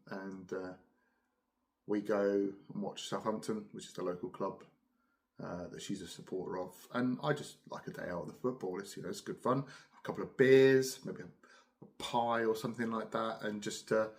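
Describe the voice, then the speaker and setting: A middle-aged man with a southern English accent speaks in a fairly low voice. He rambles casually on his own, musing without hurry and leaving pauses as he puffs on a pipe. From Cambridge, England. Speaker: pipe-smoking video host. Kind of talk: casual rambling solo chat.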